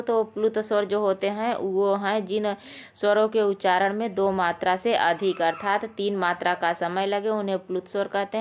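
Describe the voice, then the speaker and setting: A woman teaching a Sanskrit exam lesson, patiently explaining and repeating key points while addressing viewers as friends. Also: mid-range voice.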